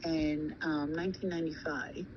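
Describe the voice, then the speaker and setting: A woman in her thirties with a deep voice, born in Thailand and raised in California, answers questions in a casual recorded interview. She speaks slowly and hesitantly, pausing often and saying "um" a lot. The audio is muffled, with constant background noise.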